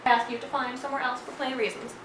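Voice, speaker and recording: A woman's voice: high voice, little pitch movement, fast talker, fairly bright tone, a little hiss or hum. An actress playing a haughty, prim young woman who speaks in stiff, formal phrases and turns indignant easily. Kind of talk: comedy web series acting.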